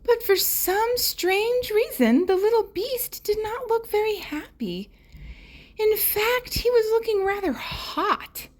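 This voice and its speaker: A woman voicing an earnest, doting little girl who tells her picture-book adventure in a wide-eyed, expressive way. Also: very high voice, slow, pitched above the performer's own voice, heavily acted. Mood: worried.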